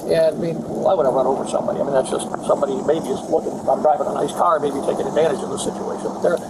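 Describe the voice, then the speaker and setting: Higher-pitched man talking fast and defensively. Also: steady tone. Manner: defensive, repetitive. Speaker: driver being questioned by police. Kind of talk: spontaneous account to an officer. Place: outdoors near traffic. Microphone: officer's body-worn camera. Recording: noisy outdoor bodycam, vehicle noise.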